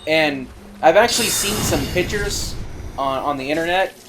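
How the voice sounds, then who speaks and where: A man giving casual, rambling commentary on a video game he is playing, full of fillers and excited asides. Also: a little high, normal speed, noisy background. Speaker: let's play commentator.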